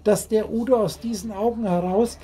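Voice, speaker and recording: A man's voice: high voice, steady tone, moderate pace, mellow. A man giving a rambling, repetitive spiritual talk to a small group at a meeting, often laughing as he speaks.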